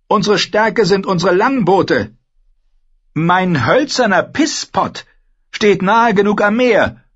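A man reading an audiobook, voicing a sharp-tongued, mocking young noblewoman who lectures her brother. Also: high-pitched, breathy edge, highs cut off, pitched above the performer's own voice. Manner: scornful, lecturing, needling. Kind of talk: audiobook character voice.

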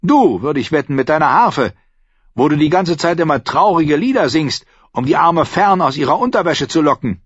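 A man's voice: medium pitch, lively intonation, moderate pace, no room sound, highs cut off, pitched above the performer's own voice, lightly acted. A man voicing a grumpy, quarrelsome middle-aged man who scolds and accuses the others. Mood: indignant. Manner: angry, scolding.

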